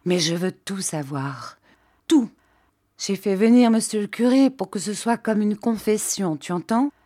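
A woman's voice: medium pitch, lively intonation, unhurried, dark tone, no echo, voice pushed up. Young wife, upset, demanding, emotional, woman reader, dry studio. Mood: shaken. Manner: insistent, emotional.

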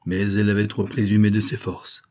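Male audiobook narrator, low and husky. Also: monotone, fairly quick, a little mellow. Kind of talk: scripted narration.

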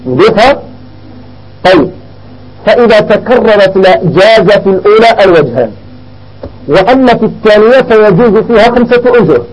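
A man's voice: high-pitched, animated, fairly quick, pauses often, rough recording. A man with a Moroccan accent teaching a grammar lesson, explaining step by step and asking the class questions that he answers himself.

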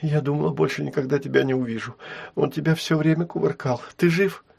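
A man voicing a frightened young girl who speaks softly and tearfully. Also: mid-range voice, steady tone, moderate pace, vocal fry, breathy edge, voice pushed up. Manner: soft, tearful.

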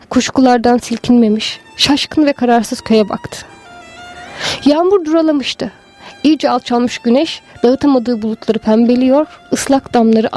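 A woman giving a slow, measured, lyrical literary narration of a story. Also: on the high side, a little mellow. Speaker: story reader.

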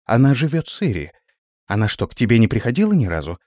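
Man voicing a shy trusting girl, soft and meek, dry close mic. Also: medium pitch, sing-song, fast talker, no room sound, natural voice. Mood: confiding. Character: gentle, trusting, naive young woman.

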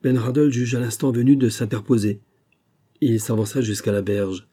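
Husky-voiced male audiobook narrator. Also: medium pitch. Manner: steady, measured reading. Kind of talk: scripted narration.

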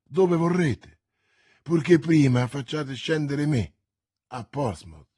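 A man's voice: a little high, slow pace, mellow, husky. Man reading as a grim young officer. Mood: calm. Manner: grim, resolute.

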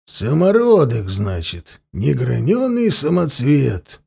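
In an audiobook story, a man plays a grim warrior interrogating a captive, speaking low-keyed, quiet and even, each word slow and deliberate. A gravelly, dark edge makes his calm feel threatening, and the cold delivery is a full character voice.

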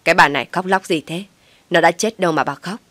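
A woman voicing a stern, gruff middle-aged father who scolds sharply. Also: on the low side, fast, fairly bright tone, no room sound. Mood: gruff scolding.

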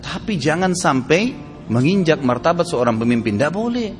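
A man preaching an Islamic sermon, forceful and emphatic, often asking rhetorical questions. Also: a little high, very animated, moderate pace. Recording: hall reverb with faint music behind.

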